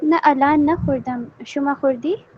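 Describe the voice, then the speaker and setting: Female student, high mellow voice, lo-fi noisy line. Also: dry recording. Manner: asks simple questions slowly. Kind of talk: classroom practice dialogue. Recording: lo-fi with faint noise.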